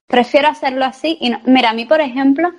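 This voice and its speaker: Woman in her forties, podcast host, somewhat high pitch, candid chatty delivery. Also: fast talker. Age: 40s. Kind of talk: casual interview conversation.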